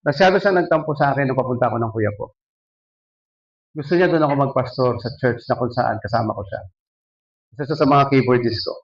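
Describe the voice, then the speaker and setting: A man's voice: medium pitch, brisk, long pauses, dull audio. A male Filipino pastor giving a sermon and asking his congregation questions as he preaches. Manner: switching between Tagalog and English, preaching with questions to the congregation.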